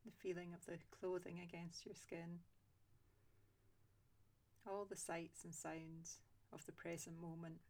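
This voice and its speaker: A woman guiding a loving-kindness meditation, speaking slowly and softly with long pauses. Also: on the low side. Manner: slow, soft and calm with long pauses. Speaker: meditation guide.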